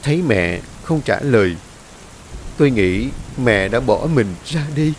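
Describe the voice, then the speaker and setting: A man's voice: mid-range voice, unhurried, a little hiss or hum. Man narrating a ghost story expressively. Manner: dramatic, expressive reading. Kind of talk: scripted horror story narration.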